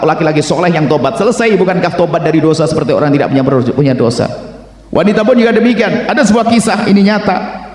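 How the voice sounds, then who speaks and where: A man preaching a sermon, acting out the voices in a story and swinging from hushed tones to shouting. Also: fairly high pitch. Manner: acts out dialogue in a story, swings from quiet to shouting. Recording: echoey hall, long reverb.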